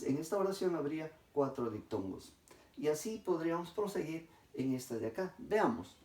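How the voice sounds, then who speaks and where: Man teacher, methodical classroom explainer, mellow tone, roomy distant sound. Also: a little high, creaky. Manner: methodical, addresses class, dictates slowly syllable by syllable. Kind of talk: grammar lesson. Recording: echoey room, distant mic.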